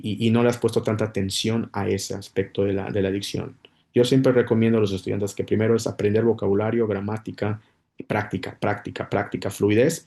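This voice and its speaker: A man's voice: lowish voice, dark tone. A man giving a casual spoken English lesson, explaining patiently with many repetitions and restarts. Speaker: English teacher.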